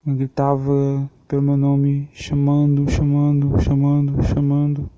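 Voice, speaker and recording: An actor playing a male pop star with a Brazilian accent, telling a childhood memory in halting, reflective speech on a podcast in an animated film. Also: medium pitch, clear, resonant tone, no room sound, close to an everyday voice. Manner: reflective, halting storytelling with many fillers. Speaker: podcast guest. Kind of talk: animated-film interview acting. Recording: slightly muffled, soft music behind.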